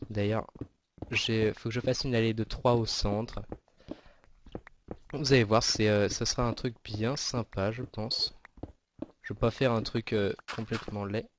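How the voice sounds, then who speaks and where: A man's voice: on the low side, steady tone, unhurried, pauses often, slight background noise. A man giving casual, rambling commentary over his own gameplay, with many fillers and restarts. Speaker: gaming video host.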